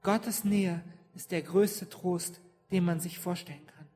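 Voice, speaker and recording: A woman's voice: lowish voice, fairly even intonation, measured pace, mellow. A woman pastor giving a sermon to her congregation, often asking them questions and checking in with "ja?". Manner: engages the congregation with questions and frequent "ja?". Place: church. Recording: long church reverb.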